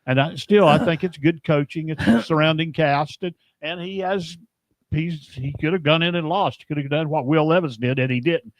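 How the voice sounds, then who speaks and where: A man hosts a casual sports talk show in a meandering, halting voice that sits a little high. He often restarts his sentences. The recording is dry, with no room sound. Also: no echo. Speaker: host.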